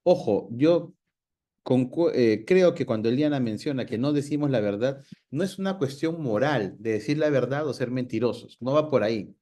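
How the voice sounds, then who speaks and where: Warm and expressive, this Peruvian man's mid-range voice moves at a moderate pace as he hosts an easygoing conversation. He's thoughtful and reflective, frequently asks for the guest's view, and drops in many fillers.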